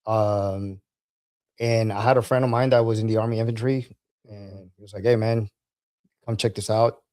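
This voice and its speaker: A man, an Army veteran guest, talking casually in an interview, halting and repeating words, laughing as he tells stories. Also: fairly low pitch, steady tone, warm tone.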